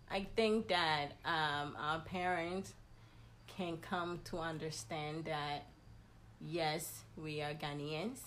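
A woman in a casual conversation, speaking emphatically and giving advice drawn from her own experience. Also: sits low.

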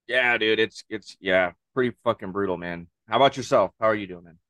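A man's voice: fairly low pitch, brisk, fairly bright tone, no room sound. An easygoing man from Southern California co-hosting a podcast, chatting casually with slang and swearing. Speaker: podcast co-host. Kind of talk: casual chat.

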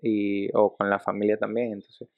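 Gravelly-voiced young man, dull dry sound. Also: lowish voice, flat delivery, no echo. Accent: Dominican Spanish. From Ecuador. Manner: measured, hesitant, soft chuckles. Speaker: podcast co-host. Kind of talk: casual chat.

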